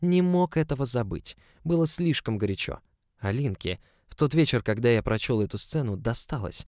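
A man's voice: medium pitch, lively intonation, moderate pace, darkish tone, dry recording. A man narrating a story in the first person, in an intimate, close storytelling manner. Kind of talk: audiobook narration.

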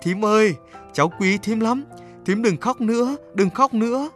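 A man's voice: sits high, normal speed, faint music behind, voice pushed up, natural voice. A man voicing a homesick young Eskimo boy with a raised, eager, pleading voice in a storybook reading.

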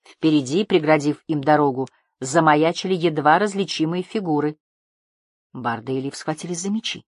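Low husky woman narrating an audiobook. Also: moderate pace, a little mellow, no room sound, studio quality.

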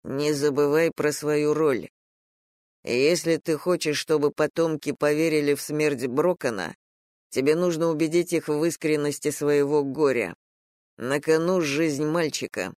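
A reader voicing a stern, protective grown man, a warrior, speaking slowly and firmly in an audiobook. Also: fairly high pitch, darkish tone, no echo, clean studio sound, natural voice. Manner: slow, grave and firm.

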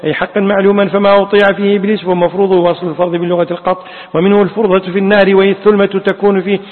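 A man's voice: sits high, little pitch movement, rapid-fire. Man reading scripture commentary, tinny echo. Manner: chants quoted verses melodically. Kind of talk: reading classical Quran commentary aloud. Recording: tinny, echoey hall sound.

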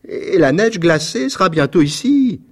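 Storybook: man voicing a young male swallow, high, eager, tremulous, soft-hearted. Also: very animated, a little slow, full character voice. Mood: tender pleading. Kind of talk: storybook reading.

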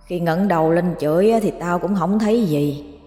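A woman's voice: lowish voice, moderate pace, dark tone, lightly acted. Woman doing a dead young man's frightened ghostly confession. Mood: fearful. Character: terrified dead young man recounting his death. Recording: echoey reverb with music behind.

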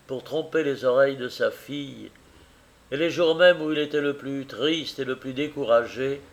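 A man with a mid-range voice reads a classic novel for an audiobook, delivering it in a measured, expressive way.

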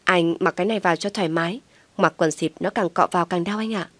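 A sly young wife who teases with a mock-sweet, fussing tone, as a woman reader puts her on. The voice is fairly low and recorded dry and close. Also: quick pace, a bit bright, no echo. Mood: mock-worried.

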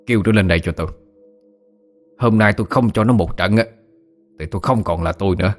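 A man doing a furious shouting father. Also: lowish voice, fast, faint music behind, close to an everyday voice. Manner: yelling, scolding. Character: furious middle-aged male village ritual master, father.

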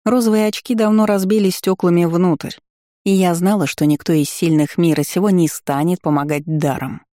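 A woman reading a first-person fantasy novel aloud in a wry, lively storytelling manner. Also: on the low side, moderate pace, dry recording, studio quality. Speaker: audiobook narrator.

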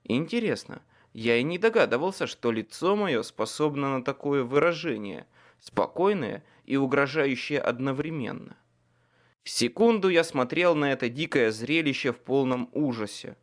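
A man reading a first-person audiobook in an expressive, dramatic way. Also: medium pitch, moderate pace. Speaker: audiobook narrator.

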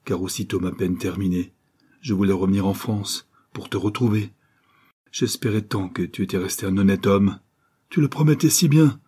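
A man's voice: on the low side, dark tone. A man reading a grieving old ex-convict miller, pleading with his son in a muffled, breathless voice. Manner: hoarse, breathless, emotional pleading.

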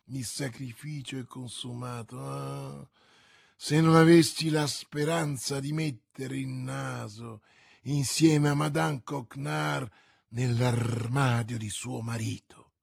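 A boastful, hungry musketeer, as a male reader puts him on, talks in a lowered, husky voice. He blusters slowly and drops into sly muttered asides. The recording is dry and close. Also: steady tone, no echo, heavily acted. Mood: muttering. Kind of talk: audiobook reading.

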